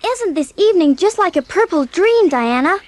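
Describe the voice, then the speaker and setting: High-voiced, earnest Anne Shirley. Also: female voice, very animated, normal speed. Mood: rapturous. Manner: earnest, effusive, formal wordy phrasing. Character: fiery, dreamy, earnest eleven-year-old orphan girl. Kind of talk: dramatised audiobook acting.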